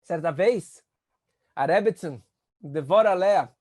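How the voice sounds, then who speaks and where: A man, a rabbi teaching a class on empathy, earnest, and acting out the voices he quotes with sudden rises in pitch. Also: lively intonation, slow pace, a little mellow, no echo, studio quality. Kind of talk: spoken lesson on empathy.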